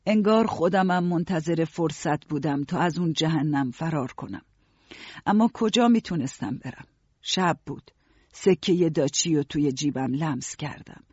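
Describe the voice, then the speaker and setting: A husky, slightly high man's voice reads a story aloud in the first person, steady and even. The recording is dry and dull, like a lo-fi studio. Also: no room sound. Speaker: narrator. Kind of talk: audiobook narration.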